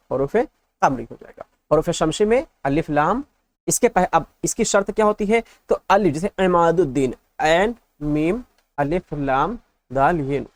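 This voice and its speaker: A male teacher giving an exam-prep lesson, patiently drilling letters in repeated lists and asking the class check questions. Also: fairly high pitch.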